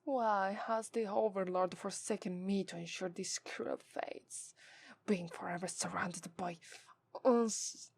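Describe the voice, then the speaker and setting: A contemptuous demon, haughty, scornful and seductive, is brought to life by a woman in an ASMR roleplay. She uses an Italian accent and a formal, deliberate style that drops into breathy whispers, her mid-range voice steady over a dry recording.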